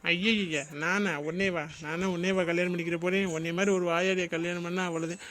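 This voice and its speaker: A man's voice: high voice, little pitch movement, fast talker, fairly bright tone, slight background noise. A man voicing Santhosh, a playful, mocking young husband in a cartoon, joking at his wife's expense.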